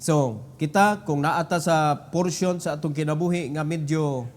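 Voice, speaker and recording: A man's voice: a little high, moderate pace. A man with a Cebuano accent preaching a prayer-meeting sermon, switching into English and building to raised, emphatic stretches.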